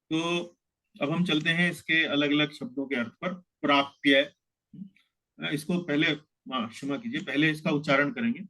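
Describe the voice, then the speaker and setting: A man's voice: on the high side, sharp tone, rough recording. A man teaching an online class, explaining patiently step by step and counting syllables aloud. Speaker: teacher of Gita verse memorization. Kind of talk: online class over video call.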